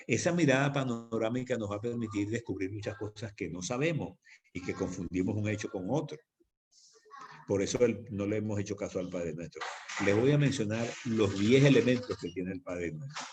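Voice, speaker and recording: A man's voice: on the low side, noisy background. A man preaching as pastor in a church, teaching on prayer with emphatic repetition. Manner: emphatic, repeats phrases for stress.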